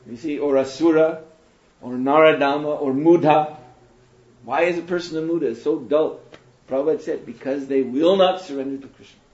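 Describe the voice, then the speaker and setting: A man giving a sermon to an audience, telling stories in an animated way, now and then laughing. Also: a little high. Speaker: monk lecturer. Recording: dull roomy lecture recording.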